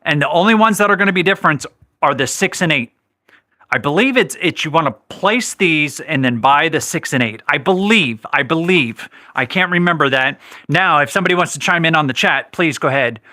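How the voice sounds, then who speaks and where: Bright-voiced man hosting a live craps stream. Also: a little high, brisk, no echo, studio quality. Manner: chatty, reads viewer comments aloud, self-correcting. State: has the hiccups. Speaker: livestream host.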